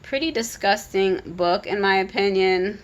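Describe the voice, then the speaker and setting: A woman's voice: mid-range voice, unhurried. A woman, a parent, giving a frank, opinionated casual commentary on a children's book, full of "like" and "you know.".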